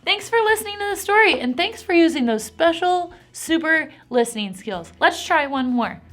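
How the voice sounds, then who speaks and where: An animated, encouraging woman who teaches a Bible lesson to preschool children. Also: very high-pitched, moderate pace, faint music behind.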